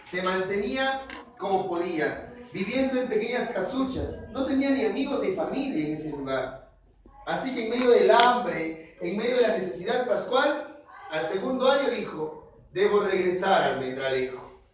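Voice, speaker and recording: A high-voiced man retells a novel for students in a loose, dramatic way, slipping in wry asides. He sounds set well back from the mic in a very echoey room. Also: expressive, normal speed, recorded from a distance, noisy background. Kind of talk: casual storytelling summary with jokes.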